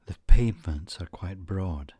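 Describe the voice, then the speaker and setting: A man narrates a scripted guided meditation in a calm, measured way, pausing often between short phrases. His voice is low, warm and husky, and the recording is dry.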